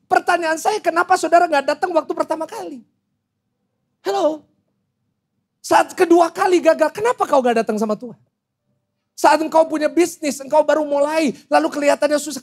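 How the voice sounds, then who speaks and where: A middle-aged man with an Indonesian accent preaching a sermon as pastor, asking the congregation questions and joking between points. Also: high-pitched. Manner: lively, asks the congregation questions and jokes. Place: church hall.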